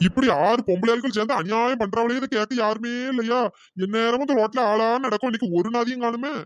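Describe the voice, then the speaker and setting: A man's voice: very high-pitched, fairly even intonation, quick pace, no room sound. A voice actor playing a tied-up bearded man in a cartoon, muttering complaints and moaning. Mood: pained. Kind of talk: cartoon voice acting.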